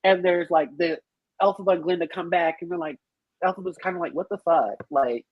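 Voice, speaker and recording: A podcast panelist talks casually about a film over an online group call, explaining animatedly, acting out reactions and swearing here and there. The medium-pitched, fairly quick voice sounds dry, and the call audio is muffled and lo-fi.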